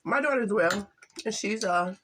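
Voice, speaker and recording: An older woman chatting casually to camera while eating, halting and soft-spoken, with some stutters. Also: medium pitch, noisy background. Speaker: mukbang vlogger.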